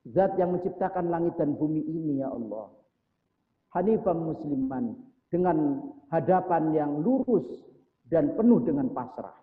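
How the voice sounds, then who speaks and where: A man's voice: on the high side, expressive, unhurried, long pauses. Preacher, man, mosque sermon; chants prayer lines then explains them; thin phone-like sound. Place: mosque hall. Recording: echoey mosque hall over tinny phone-like sound.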